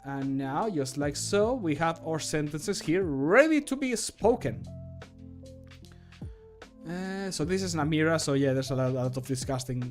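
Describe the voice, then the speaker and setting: An amateur voice actor who streams talks casually to his audience as he works, in an informal, joking, sweary manner. His fairly high voice is expressive and measured in pace, with music audible behind him.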